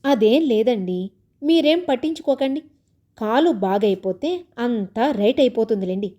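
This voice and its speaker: Playful teasing young wife, read by a woman, sweet coaxing, highish mellow voice. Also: animated, moderate pace. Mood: soothing.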